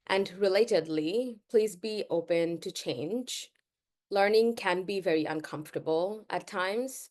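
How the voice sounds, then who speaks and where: A woman from Bangladesh, leading an online workshop in an earnest, measured way with frequent "um" pauses, heard over a video call. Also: on the low side. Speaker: workshop facilitator.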